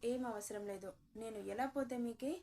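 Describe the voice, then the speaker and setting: A woman's voice: a little high, normal speed, dark tone, distant mic, a little hiss or hum, natural voice. A woman voicing a sulking young wife. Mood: sulky. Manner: plaintive, reproachful.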